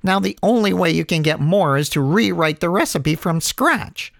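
A man's voice: fairly high pitch, animated, normal speed, gravelly, a bit bright, no echo, voice pushed up. A man voicing a scheming Martian spy in a comic audiobook, sly and sneering.

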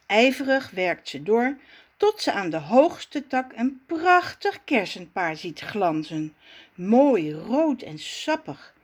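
A woman reading a children's storybook aloud with slow, expressive delivery. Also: fairly high pitch.

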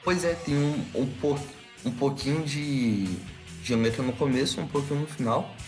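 A man's voice: medium pitch, fairly even intonation, normal speed, darkish tone, faint music behind. A man co-hosting a podcast, chatting casually and slangily about songs. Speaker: podcast co-host. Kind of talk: casual chat.

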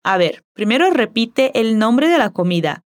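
A woman whose first language is Portuguese teaching a Spanish lesson, slowly modeling words and phrases for the listener to repeat. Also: fairly high pitch, big pitch swings. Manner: slow, careful modeling of words.

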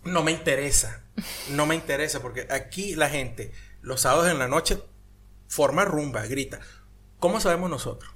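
Loud joking man. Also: on the high side, moderate pace, slight background noise. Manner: loud, swearing, joking storyteller. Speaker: podcast co-host. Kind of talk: casual chat. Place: apartment room with window open.

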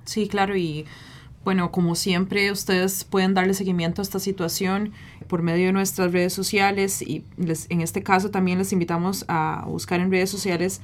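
A woman, hosting an interview and wrapping it up in a calm, plain way. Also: medium pitch, normal speed, a little hiss or hum. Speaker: interview host. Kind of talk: closing interview remarks.

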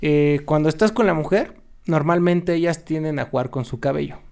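A man's voice: fairly high pitch, moderate pace, gravelly. A man, chatting casually and jokily as a podcast co-host. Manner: lively, jokey, slangy. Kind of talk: casual chat.

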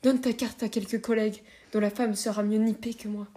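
A woman reading as an anxious, yearning young wife who speaks softly and hesitantly. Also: sits high, moderate pace, pitched above the performer's own voice, lightly acted. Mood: plaintive. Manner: soft, plaintive and hesitant.

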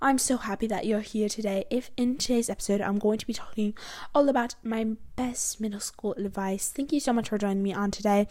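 A young woman doing a hushed, slow impression of a calm podcast host with a put-on British accent, as whispered role-play. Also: medium pitch, natural voice. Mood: soothing.

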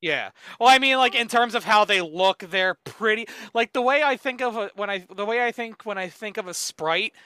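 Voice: medium pitch, pushed and bright, clear, resonant tone, no room sound. A podcast co-host in casual chat who rambles with lots of "like" and laughs easily. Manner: rambling, full of "like", quick to laugh.

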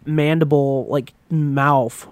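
A man's voice: a little high, fairly even intonation, takes it slowly, a little mellow, dry recording. Rambling man, dry close sound. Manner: rambling, with many fillers and profanity. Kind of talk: casual chat.

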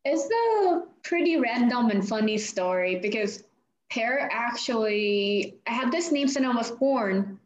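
A young woman in her twenties from Thailand with a Thai accent, answering interview questions in a halting, casual way full of "like" fillers. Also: on the high side, lively intonation, echoey room, highs cut off. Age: 20s. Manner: halting, many "like" fillers and restarts. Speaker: guest, architecture graduate student.

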